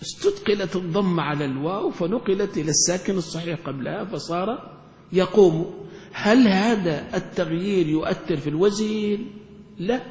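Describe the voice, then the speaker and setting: A man teaching grammar to a class, asking quick questions and answering them himself. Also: sits high, a little mellow. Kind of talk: classroom lesson explaining grammar. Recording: echoey hall recording.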